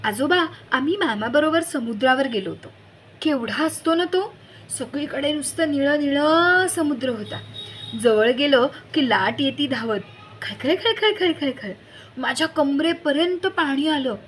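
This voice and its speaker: A woman's voice: sits high, animated, unhurried, slight background noise. Woman playing an eager little boy. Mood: excited. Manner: eager, breathless storytelling. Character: small excited boy telling of seaside.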